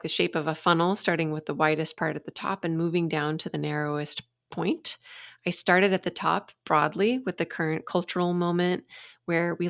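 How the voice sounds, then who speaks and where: A woman's voice: lowish voice, fairly bright tone, no echo, clean studio sound. A young adult woman hosting a solo podcast as a life coach, explaining ideas in an earnest, reflective way.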